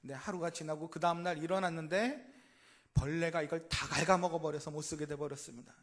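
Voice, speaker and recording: A man preaching a sermon as pastor, dramatic, acting out quotes with big swings in loudness and asking the congregation questions. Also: a little high, fairly even intonation, fast.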